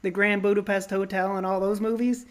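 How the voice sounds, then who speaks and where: Woman, podcast co-host, casual movie chat, teasing, middle pitch. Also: level tone, brisk. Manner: joking, teasing, lots of ums.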